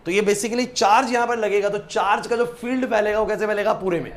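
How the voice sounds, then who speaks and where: A man's voice: high-pitched, fairly even intonation, quick pace. A man teaching a physics class, often stopping to check that his students follow and mixing English terms into his explanations. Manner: asks students to confirm understanding; mixes English terms into Hindi. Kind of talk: classroom lecture. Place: classroom with whiteboard.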